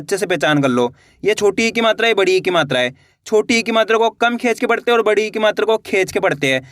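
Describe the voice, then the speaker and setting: A young man with a high, bright voice records a beginner reading lesson in a dry, close sound. He draws out every syllable and keeps pausing to check that his learners follow. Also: no room sound. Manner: slow, drawn-out syllable-by-syllable reading, with frequent check questions. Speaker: Hindi reading teacher.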